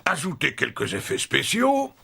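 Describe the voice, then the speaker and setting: A man voicing an unhinged, pompous alien villain in a cartoon, declaiming theatrically with a gravelly voice. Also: fairly high pitch, wildly swooping pitch, moderate pace, sharp tone, heavily acted. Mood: pompous, gleeful. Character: unhinged, grandiose alien villain, theatrical self-proclaimed evil genius. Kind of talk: French cartoon voice acting.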